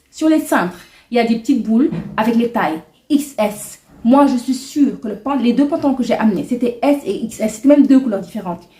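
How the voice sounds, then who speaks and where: A woman's voice: fairly high pitch, a little mellow. Chatty young woman, roomy sound. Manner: chatty and indignant, mixing in English and Wolof. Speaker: vlogger. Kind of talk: storytime vlog. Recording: echoey room.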